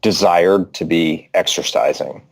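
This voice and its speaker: Deep-voiced man telling his story. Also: unhurried, vocal fry, breathy edge. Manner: reflective storyteller, many fillers. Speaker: guest author. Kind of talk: interview conversation.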